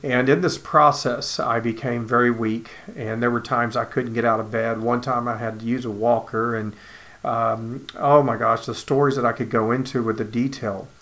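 A man's voice: mid-range voice, steady tone, normal speed, fairly bright tone. A man, earnestly telling his own cancer story as personal testimony and acting out the dialogue.

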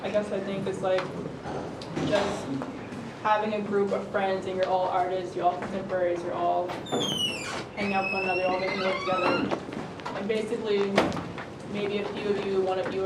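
Woman, group discussion member, musing, even tone, distant, loud background noise. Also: mid-range voice, brisk. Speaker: meeting participant. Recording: echoey room, mic far off, loud noise.

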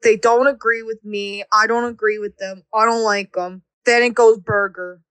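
A woman's voice: fairly high pitch, moderate pace, clear, resonant tone, no echo. A woman co-hosting a casual podcast, telling stories with lots of fillers and strong opinions. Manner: animated storyteller, lots of fillers. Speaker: podcast co-host. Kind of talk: casual chat.

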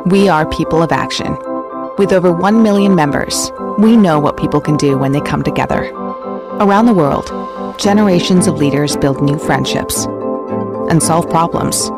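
A woman's voice: sits low, normal speed. Woman narrating a public service announcement over music. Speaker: civic organization PSA narrator. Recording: music bed under narration.

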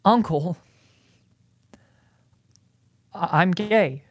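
A man's voice: fairly high pitch, normal speed, lightly acted. A young man in a student radio drama playing a shy, anxious teenage boy who stammers and pleads. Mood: pleading. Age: young adult. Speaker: nephew.

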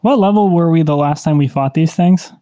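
A man's voice: fairly high pitch, fairly quick, warm tone, no room sound, studio quality. A man chatting casually and playfully as a player in a tabletop game, tossing in little sound-effect words.

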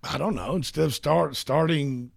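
A man's voice: on the high side, normal speed, vocal fry, dry recording, clean studio sound. A man hosting a sports radio show, chatting casually and rambling with repeats.

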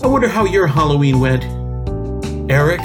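A man's voice: a little high, expressive, normal speed, close to an everyday voice. A man playing a jittery late-night radio host who stammers and gets flustered easily, in a comedic audio drama. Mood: sheepish. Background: music.

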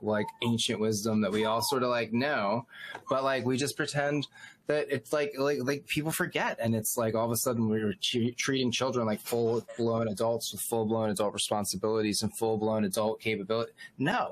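Earnest man making a point. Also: medium pitch. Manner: earnest, builds a point at length. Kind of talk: casual group chat.

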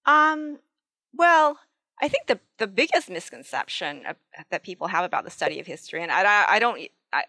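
A woman's voice: medium pitch, sing-song, normal speed, bright, forceful tone, dry recording. A woman historian answering interview questions, hesitant with many ums and repeated starts. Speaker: guest historian.

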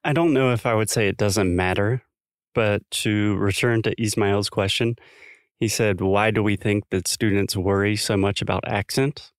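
A man's voice: lowish voice, fairly even intonation, moderate pace, smooth, no room sound, studio quality. A man from South Carolina co-hosting a podcast, talking thoughtfully and explaining with examples in a casual chat. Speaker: podcast co-host.

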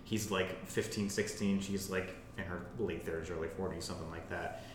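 Low-voiced man, filler-heavy, very echoey room. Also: fairly even intonation, normal speed. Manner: filler-heavy, says "like" constantly. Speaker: podcast host. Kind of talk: casual plot summary and discussion. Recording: very echoey room, faint rumble.

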